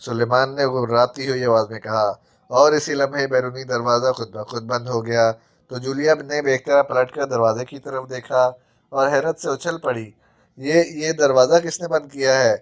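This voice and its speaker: A man reading a spy-thriller audiobook as narrator, in a steady storytelling delivery. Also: mid-range voice. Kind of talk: scripted narration.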